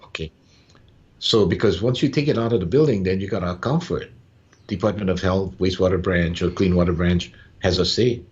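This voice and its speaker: A farmer and business owner from Hawaii, this older male guest has a low, darkish voice and tells stories in easy conversation. He never hurries, often filling gaps with "uh" and adding "yeah?" at the ends of lines. The lo-fi sound is dull.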